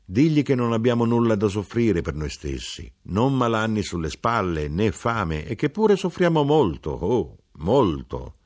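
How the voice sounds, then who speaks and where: A man's voice: fairly low pitch, very animated, measured pace, few pauses, a little mellow, pitched above the performer's own voice. Man voicing a mournful old hermit, solemn. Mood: solemn lament. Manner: solemn, grieving, preaching. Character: small sorrowful old man, a brooding hermit-writer. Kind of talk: audiobook reading.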